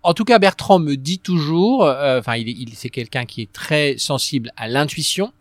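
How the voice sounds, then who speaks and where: A man's voice: fairly high pitch, moderate pace, no room sound. Hesitant French-speaking man, dry close sound. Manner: hesitant, many repeated words and restarts. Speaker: guest, business executive. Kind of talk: conversational interview.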